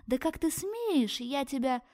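A woman's voice: very animated, fairly quick, a little mellow. A woman voicing a brash, spiteful young werewolf woman who shrieks her complaints in an audiobook. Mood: shrill, indignant. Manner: shrill indignant shrieking. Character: brash young she-wolf brunette, shrill and spiteful.

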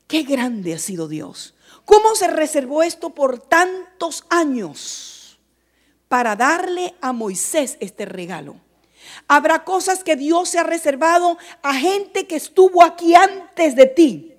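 A woman preaching a fervent church sermon in a very high voice. She talks slowly and emphatically and repeats her phrases. She drops to soft asides, then rises into shouted exhortation. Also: sing-song.

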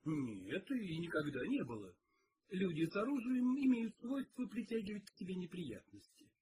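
A man's voice: sits high, sing-song, moderate pace, a little mellow, slight background noise, voice pushed up. A man reading aloud and voicing a brash, teasing young male detective in a raised voice. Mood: glib. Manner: cheeky, teasing.

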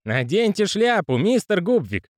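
A man voicing an excitable, credulous old postman who talks in a shrill, agitated, pleading way. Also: normal speed, dry recording, clean studio sound. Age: older.

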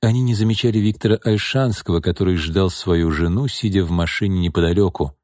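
A man narrating an audiobook in a measured, even reading voice. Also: deep voice, no echo, studio quality. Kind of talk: scripted narration.

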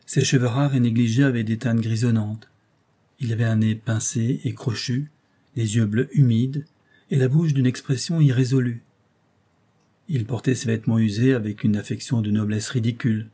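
Husky-voiced male audiobook narrator. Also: mid-range voice, fairly even intonation, moderate pace, mellow. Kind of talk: scripted narration.

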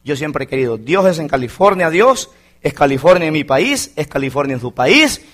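High, animated man preaching a fervent sermon. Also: normal speed. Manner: fervent preaching, keeps addressing the congregation as brother. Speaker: pastor. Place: church congregation.

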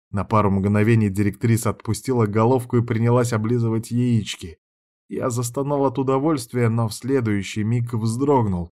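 A man narrating an audiobook in the first person with a steady, measured reading. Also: lowish voice.

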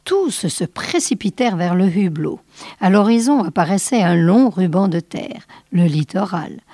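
A woman reading a science fiction novel aloud in a measured, expressive way. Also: fairly low pitch, dry recording, clean studio sound. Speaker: reader.

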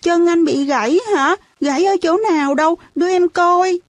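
A woman voicing a naive, sweet little girl who talks in a high, whiny, pleading way. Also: normal speed, no room sound. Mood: curious.

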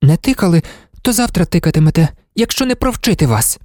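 Proud young woman clerk, quick to anger, sharp high outbursts; a man acts her out in a storybook reading. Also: big pitch swings, dry recording, clean studio sound. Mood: furious.

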